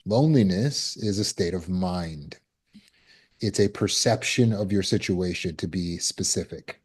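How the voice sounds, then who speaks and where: A man's voice: sits low, a little slow, slightly rough. A man giving a conversational self-help talk as a trauma recovery coach, acting out scenes and quotes as he goes.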